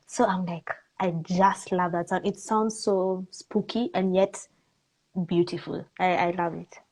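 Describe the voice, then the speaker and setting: This Kenyan-accented woman, appearing as an interview guest, talks casually and candidly with expressive, informal phrasing. Her voice is lowish and her pace unhurried.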